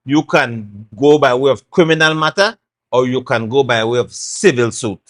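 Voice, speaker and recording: A man's voice: mid-range voice, expressive, moderate pace, fairly bright tone. A middle-aged Belizean man, a former party chairman, speaking as a guest in a talk show interview, making his points with emphasis and repetition. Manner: emphatic, repeats points, acts out quotes.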